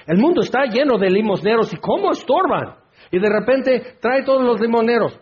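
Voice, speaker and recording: A man preaching a sermon in an animated way, acting out the crowd's voices. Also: extremely high pitch, normal speed, breathy edge. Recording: dull lo-fi recording.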